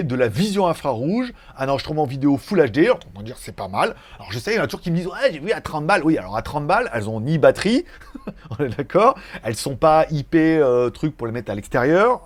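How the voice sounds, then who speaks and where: Chatty, playful man reviewing a gadget. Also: fairly high pitch. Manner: chatty and playful, talks straight to the viewer, makes sound-effect words. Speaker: product reviewer. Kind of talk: casual product review to camera.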